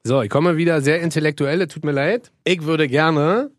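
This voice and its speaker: A man's voice: on the high side, normal speed, no echo, studio quality. A man co-hosting a casual podcast, joking, laughing often and talking at length. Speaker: podcast co-host. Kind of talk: casual chat.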